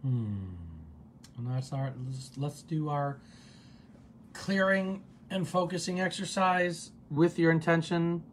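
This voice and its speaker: Calm man guiding a gratitude practice. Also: a little hiss or hum. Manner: calm, drawn-out repetitions dropping soft and low. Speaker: meditation host. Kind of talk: guided gratitude practice on a livestream. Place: office.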